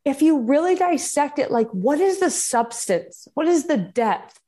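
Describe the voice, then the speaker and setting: A woman's voice: high-pitched, big pitch swings, unhurried, dark tone. A woman hosting a motivational podcast solo, talking in an encouraging, earnest, emphatic and conversational way. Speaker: podcast host and growth coach.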